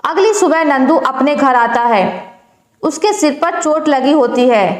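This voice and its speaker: Woman storyteller, high and unhurried, calm measured narration, echoey room.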